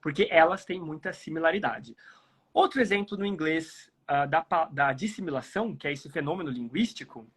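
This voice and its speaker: Brazilian guy teaching english sounds, kinda husky voice, goes slow on the example words. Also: on the high side, a bit bright. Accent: Brazilian Portuguese. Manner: didactic, repeats words slowly to demonstrate sounds. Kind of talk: explanatory online lesson.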